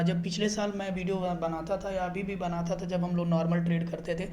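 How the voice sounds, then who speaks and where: A trading app gets a casual screen-recorded explanation from a channel host whose voice sits high and sounds slightly mellow. He chats throughout, regularly checking that viewers are following, and the recording is roomy with a bit of hiss or hum.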